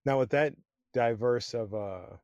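On a dry, lo-fi recording from a Chicago-area podcast setup, a man with a mid-range, darkish voice speaks unhurriedly. He gives an upbeat, punchy scripted intro before drifting into loose, chatty interview questions.

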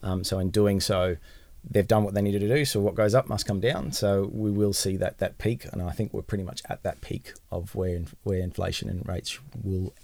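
Gravelly, low-voiced Australian man. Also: steady tone, moderate pace, a little mellow, no room sound. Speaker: guest finance professional. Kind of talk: casual explanatory podcast talk.

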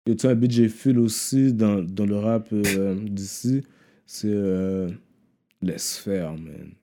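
A man's voice: on the low side, steady tone, slow pace, dark tone. A man in casual chat, slangy and repetitive, mixing in English words. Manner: slangy, mixes English into French, repeats himself. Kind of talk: casual chat about rap.

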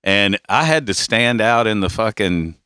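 Bright-voiced man chatting and laughing. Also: lowish voice, lively intonation, unhurried, clean tone, no echo, studio quality. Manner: laughs often, short agreeing replies. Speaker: podcast co-host. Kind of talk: casual profane chat.

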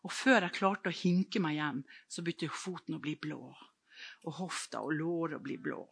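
An older woman preaching a sermon with personal testimony, fervent and swinging between loud exclamations and hushed whispers. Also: deep voice, creaky, husky.

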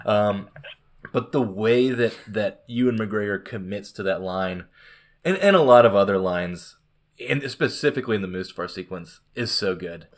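A man hosting a casual podcast chat who critiques a film in an animated, enthusiastic way. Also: on the low side, normal speed. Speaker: podcast host.

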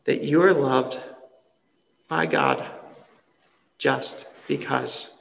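A male pastor giving a sermon in an earnest, conversational way, often dropping soft and slow for emphasis. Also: on the high side, fairly even intonation, creaky, big-room sound, rough recording.

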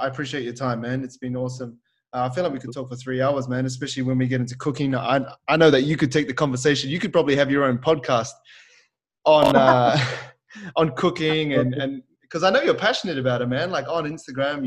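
Guy hosting a fitness podcast, chill and rambly, average pitch, lots of "like" and "you know". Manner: relaxed, rambling, heavy on fillers like "like" and "you know". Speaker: podcast host and fitness coach. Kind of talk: casual podcast chat.

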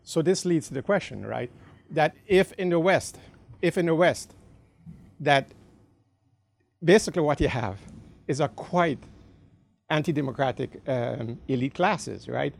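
A man's voice: a little high, measured pace, creaky, long pauses. A man from the Caribbean in the audience, asking a long question in a hesitant way with many fillers and "right?" checks.

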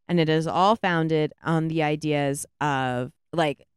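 A woman co-hosting a podcast, retelling a film's plot in a rambling, animated way with lots of "like"s. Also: sits low, slow, clear, resonant tone, dry recording, studio quality. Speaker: podcast co-host. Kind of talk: casual movie review chat.

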